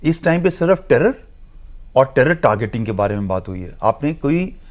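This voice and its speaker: A man speaking as a guest analyst on a TV discussion, explaining in a measured, lecturing way and slipping in English phrases. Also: mid-range voice, sing-song.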